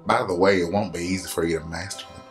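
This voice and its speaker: A man's voice: deep voice, fairly even intonation, fast talker, pitched below the performer's own voice, close to an everyday voice. A man voicing a very old, stern and impatient talking sword, curt and commanding, in amateur game dialogue. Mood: stern, instructive. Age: very old man, as played. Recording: game music behind the voice.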